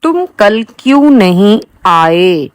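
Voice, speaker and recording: A woman reading short example sentences aloud in a lesson, in a flat, even tone. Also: medium pitch, dry recording. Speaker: prompt reader.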